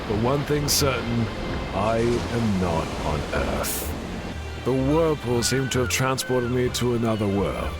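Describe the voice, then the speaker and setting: Slow-paced, commanding sea captain. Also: male voice, fairly low pitch. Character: stern male naval captain, dutiful and composed. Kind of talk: animated story voice acting.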